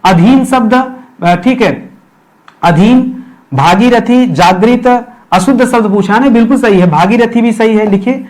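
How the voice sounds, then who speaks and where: A man's voice: extremely high pitch, measured pace, darkish tone. A man teaching an exam-prep video lesson, repeating each word, asking himself questions and checking in with viewers. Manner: repeats words and asks himself rhetorical questions; keeps addressing viewers as friends. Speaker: Hindi grammar teacher.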